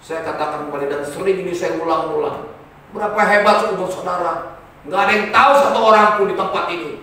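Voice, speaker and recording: A male pastor preaching a sermon to his congregation, swinging between loud emphatic lines and quiet asides. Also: sits high, fast, slight background noise. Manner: addresses the congregation as saudara. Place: church hall. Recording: very echoey church hall, mic at a distance.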